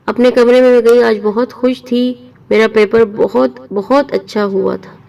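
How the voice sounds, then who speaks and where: Woman storyteller, emotional first-person reading, gravelly tone. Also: a little high, steady tone, dark tone, far from the mic, lo-fi sound.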